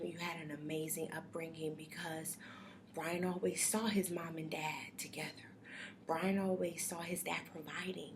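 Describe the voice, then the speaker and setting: Soft-spoken, low-voiced young woman thinking aloud. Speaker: vlogger sharing personal reflections. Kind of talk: casual confessional talk. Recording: steady background noise.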